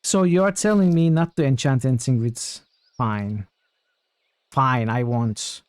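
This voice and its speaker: A man's voice: mid-range voice, a little slow, a little mellow, smooth, dry recording. A man doing casual live game commentary, thinking aloud and putting questions to his chat. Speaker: game streamer.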